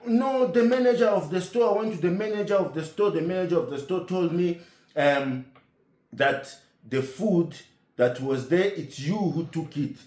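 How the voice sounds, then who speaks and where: A man telling a comic story as a monologue, animated and indignant, firing rhetorical questions. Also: high voice, normal speed, reverberant.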